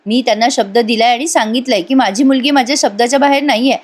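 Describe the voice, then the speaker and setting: A woman voicing an older father who gently lectures his daughter, in a retold TV serial. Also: on the high side, fast talker, lightly acted. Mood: coaxing. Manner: coaxing, lecturing.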